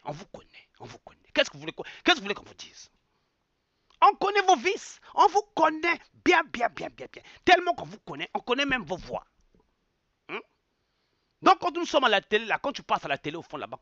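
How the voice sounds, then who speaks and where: A man's voice: sits high, bright, forceful tone, no echo. A man delivers an impassioned rant, repeating words over and over with mocking exclamations. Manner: repetitive, mocking, exclamatory, mixes in local phrases. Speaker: online commentator. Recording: dull lo-fi dry sound.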